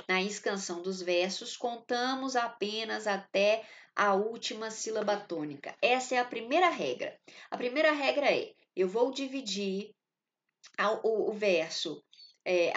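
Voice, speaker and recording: A woman's voice: mid-range voice, unhurried. A woman with a Brazilian Portuguese accent teaching a literature lesson. She explains step by step and often stops to check that the class is following. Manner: explanatory, checks in often with short tag questions.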